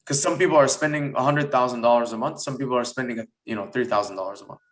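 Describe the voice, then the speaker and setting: A man with a mid-pitched voice gives casual expert advice in an online question session. His delivery is halting, as he thinks aloud while he answers. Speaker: expert guest on advertising.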